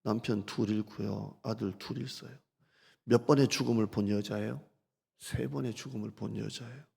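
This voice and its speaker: Male pastor, low husky voice, preaches with rhetorical questions, echoing church hall. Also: fairly even intonation, dark tone. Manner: asks the congregation rhetorical questions; reads scripture slowly and deliberately. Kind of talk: sermon. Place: church sanctuary. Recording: long reverb of a church hall.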